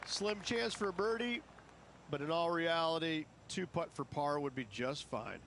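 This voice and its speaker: A chatty color commentator. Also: male voice, fairly high pitch, normal speed, gravelly, a bit bright, a little hiss or hum. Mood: easygoing. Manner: conversational, offhand remarks. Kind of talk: video game color commentary.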